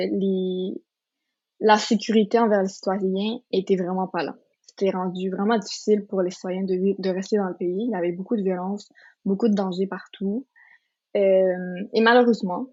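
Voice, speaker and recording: A woman in her twenties from Colombia talks earnestly as a podcast guest, pausing and restarting often. Her pitch sits mid-range for a woman. The recording sounds a little dull and lo-fi. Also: darkish tone. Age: 20s. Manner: earnest, many fillers and restarts. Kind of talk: casual testimony chat.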